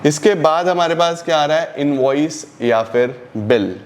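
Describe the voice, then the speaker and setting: A young man teaches an online accountancy class. He explains each point step by step, asking questions and then answering them himself. He reads English definitions slowly and then explains them in Hindi. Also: a little high, a little hiss or hum. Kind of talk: online lesson.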